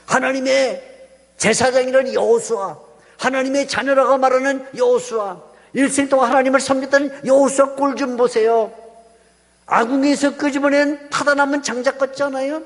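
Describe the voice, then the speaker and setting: A man's voice: extremely high pitch, steady tone, moderate pace, voice pushed up. A man voicing a scornful male devil who mocks and taunts in a sermon. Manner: mocking, taunting. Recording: long church hall reverb.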